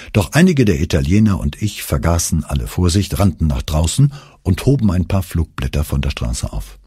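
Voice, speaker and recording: A man reads a first-person memoir aloud in a very deep, strongly husky voice. His delivery is animated and full of rise and fall, with a dark, mellow tone. The recording is dry and close. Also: no echo. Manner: expressive storytelling with voiced quotes. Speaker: audiobook narrator.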